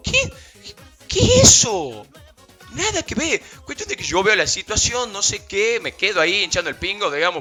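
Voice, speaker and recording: A man's voice: on the high side, pushed and bright. A young man telling a casual, slangy anecdote to his viewers, rambling with fillers and breaking into laughs. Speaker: vlogger.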